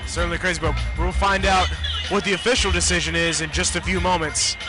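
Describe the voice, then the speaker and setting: A man giving live boxing commentary in measured broadcast phrasing. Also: sits high, fairly even intonation. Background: event music.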